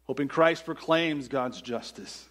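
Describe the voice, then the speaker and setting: In a church sanctuary, a pastor with a mid-range, fairly bright voice preaches at a measured pace. He reads scripture and puts earnest rhetorical questions to the congregation.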